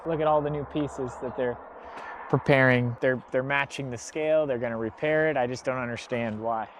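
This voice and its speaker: A man's voice: mid-range voice, steady tone, moderate pace, slight background noise. Breathless man puzzling over ruins. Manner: puzzled, observant. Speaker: vlog co-host. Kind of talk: casual walking commentary. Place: outdoor ancient ruins.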